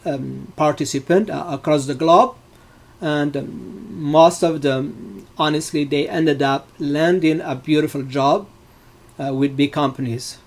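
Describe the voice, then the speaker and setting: A man's voice: fairly high pitch, darkish tone. A middle-aged man from Morocco who teaches data science, walking students through an online course with an explanatory manner, frequent fillers and restarts. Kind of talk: live online class walkthrough.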